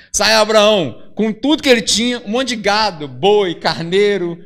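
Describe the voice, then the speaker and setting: A man's voice: high voice, a bit bright. A male pastor preaching a casual, slangy sermon, telling stories and repeating catchphrases. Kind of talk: casual sermon with acted-out dialogue.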